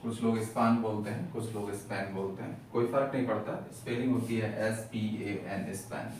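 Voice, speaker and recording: A man's voice: on the low side, fairly even intonation, brisk, a little mellow. A man teaching maths as a lecture, patient and methodical, explaining each step and repeating key terms. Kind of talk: classroom lecture at a board. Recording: echoey room from far off, faint hiss.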